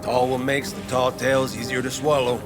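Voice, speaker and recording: An actor playing a worldly bartender in a video game, telling stories in a laconic, wry way. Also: male voice, mid-range voice, flat delivery, fairly quick, over music, lightly acted. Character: worldly, matter-of-fact male bartender recalling rough days.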